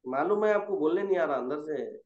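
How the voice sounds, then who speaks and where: High-voiced man patiently teaching letters. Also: animated. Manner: coaxing, corrects gently and repeats letters slowly. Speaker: Quran reading teacher. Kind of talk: patient tutoring over a call. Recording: roomy, dull lo-fi sound.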